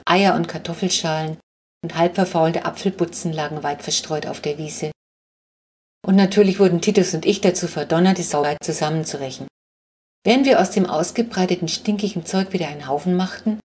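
A woman narrating a children's audiobook with lively, expressive reading. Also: on the low side, fairly quick, slight background noise. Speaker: audiobook reader. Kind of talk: scripted children's book narration.

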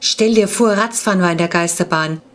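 Woman reader as an eager, excitable boy; storybook read-aloud. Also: mid-range voice, a little fast, natural voice. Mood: excited. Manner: eager, blurting.

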